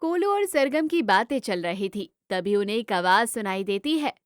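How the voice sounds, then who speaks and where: A woman narrating a cartoon moral story in an even storytelling delivery. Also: mid-range voice, moderate pace, clear, resonant tone, no echo, clean studio sound.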